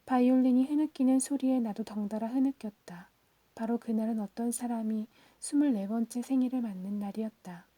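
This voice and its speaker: A woman giving a whispered audiobook reading in a soft, hushed and steady manner. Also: on the high side, brisk, no room sound. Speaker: audiobook reader.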